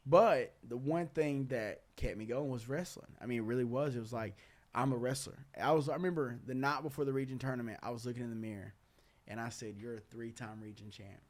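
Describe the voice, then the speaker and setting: Earnest young man telling his story. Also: mid-range voice. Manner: earnest, candid, loose talk full of "uh", "man", "dude". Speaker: podcast host. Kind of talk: casual podcast storytelling.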